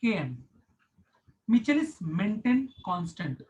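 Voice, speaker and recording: A man's voice: high voice, very animated, slow pace, poor audio. A man teaching a science class, explaining step by step, repeating key phrases and mixing English terms into his Hindi. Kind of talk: online class lecture.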